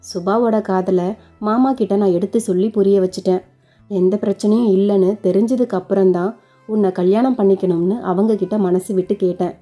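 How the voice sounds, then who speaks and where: A woman's voice: mid-range voice, mellow, close to an everyday voice. A woman voicing a devoted young man who earnestly reassures his new bride in a spoken story. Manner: earnest, reassuring, explains at length.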